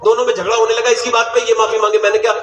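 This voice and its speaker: High-voiced fiery man preaching. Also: level tone. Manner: storytelling, often shouting. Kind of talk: impassioned religious sermon. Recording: echoey hall, mic far off.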